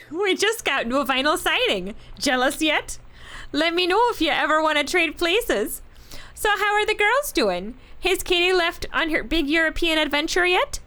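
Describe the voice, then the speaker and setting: A woman's voice: very high voice, animated, unhurried, pushed and bright, voice pushed up, heavily acted. A woman voicing a chatty middle-aged woman in a video game, reading her friendly letter aloud in a gossipy, sing-song way.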